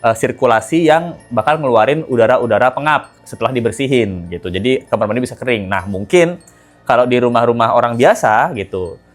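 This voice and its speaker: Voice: mid-range voice, fairly quick, soft background music. A channel host giving casual commentary and talking straight to viewers, with lots of fillers. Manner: chatty, filler-heavy, addresses viewers as guys.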